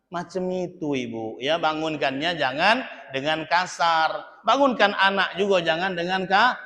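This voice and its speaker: Male preacher, high-pitched and animated; long mosque reverb. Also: a little slow. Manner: lively, humorous, acts out scenes. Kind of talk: mosque sermon. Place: mosque hall.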